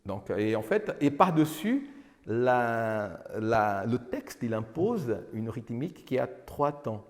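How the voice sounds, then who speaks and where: Slow and sing-song, this mid-range male voice belongs to a lecturer demonstrating cantoria with guitar. He counts out beats to explain rhythm, keeps restarting, and breaks into sung verses now and then, all echoing in a reverberant hall.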